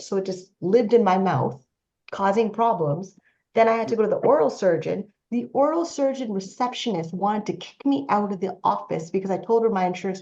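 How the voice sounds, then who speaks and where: A woman's voice: medium pitch, darkish tone, muffled recording. A Canadian woman in her late thirties, speaking as a panelist in a casual discussion, telling her story in a rambling, matter-of-fact way. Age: 30s.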